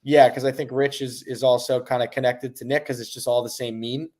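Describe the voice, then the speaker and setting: A young man co-hosting a casual chat, excitable and rambling, stressed, swinging from low mumbles to loud bursts. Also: brisk. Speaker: podcast co-host.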